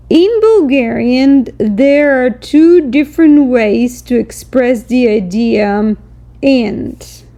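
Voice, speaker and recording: Slow, gravelly-voiced woman language teacher. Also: a little high, mellow. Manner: slow, careful explanations with example sentences. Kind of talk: recorded language lesson.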